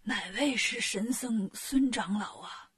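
A woman voicing a frail, sick old king in a storybook tale, speaking in a feeble, breathy half-whisper. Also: fairly high pitch, takes it slowly, a bit bright, voice pushed down, full character voice. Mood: weak. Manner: feeble and sighing.

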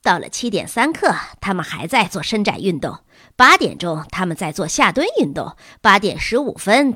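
Animated, husky woman reading a storybook. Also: fairly low pitch, dry recording, clean studio sound. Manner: animated, acting out characters. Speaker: audiobook narrator.

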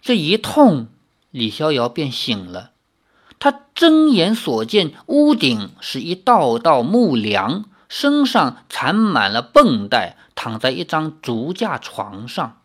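Lively storyteller reading a novel aloud. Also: mid-range voice. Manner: expressive storytelling with asides. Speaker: audiobook narrator.

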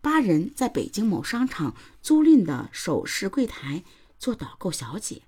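A woman's voice: medium pitch, very animated, measured pace, dark tone, slightly rough. A woman hosting a podcast, giving grave, dramatic scripted true-crime narration that sometimes drops to a whisper. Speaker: podcast host.

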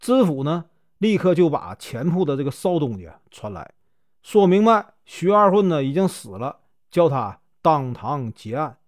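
A Northeastern-accented man tells a classic tale in a folksy storytelling voice, drawing out little filler syllables. His pitch sits slightly high and moves lively, and the recording is dry and close. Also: moderate pace, no room sound. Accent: Northeastern Mandarin. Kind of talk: storytelling narration.

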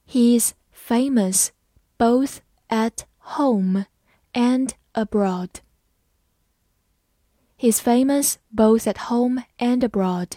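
A woman teaching English vocabulary, spelling each word letter by letter and reading the example sentences slowly, phrase by phrase. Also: a little high, darkish tone, no room sound, studio quality. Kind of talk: scripted vocabulary lesson.

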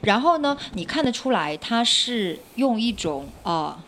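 A woman's voice: a little high, sing-song, a little slow, fairly bright tone, slight background noise. A woman in a casual discussion, giving her own opinions in a reflective, conversational way.

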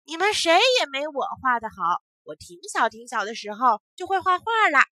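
A woman's voice: high voice, animated, moderate pace, no room sound, clean studio sound, voice pushed up. A woman doing a bragging little boy. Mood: boastful. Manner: bragging, loud. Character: boastful chubby little boy, show-off.

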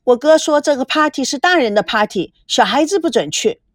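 A woman's voice: high-pitched, expressive, fairly quick, dry recording, clean studio sound, voice pushed up. A woman voicing a proud, boastful rich teenage girl in a storybook reading. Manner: boastful, bossy, generous.

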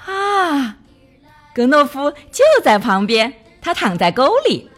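A woman storyteller narrating a children's story in a gentle, expressive way. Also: fairly high pitch, moderate pace, soft background music.

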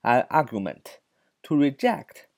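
Male English teacher for an audio vocab lesson; animated pitch, dry close sound, repeats and spells words, lots of "ah" fillers. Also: vocal fry, no echo. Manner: repeats words and spells them out slowly letter by letter; frequent drawn-out "ah" fillers between phrases.

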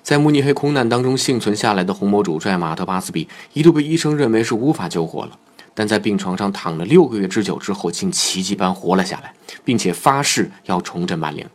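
A man hosting a football commentary show, narrating from a script in a solemn, measured storytelling manner. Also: fairly low pitch, expressive.

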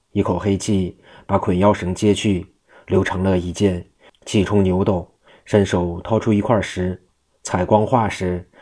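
A man narrating a classic Chinese novel in measured, rhythmic phrases. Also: low voice, darkish tone, husky.

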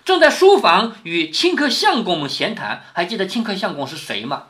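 A man's voice: sits high, big pitch swings, moderate pace, a bit bright. A man reading a classic novel aloud to his daughter, explaining it as he goes and checking in with frequent rhetorical questions. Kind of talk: storytelling with explanation.

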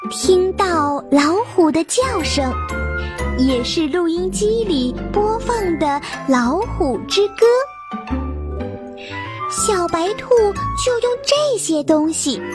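Woman storyteller for kids, high lively voice, gentle music bed. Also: takes it slowly. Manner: expressive, sing-song storytelling. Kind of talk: children's story narration. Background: children's music.

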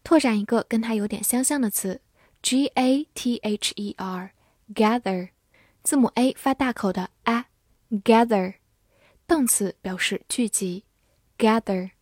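Woman teacher, slightly high voice, slow spelled-out vocabulary lesson. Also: darkish tone, dry recording. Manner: slow, spells words letter by letter.

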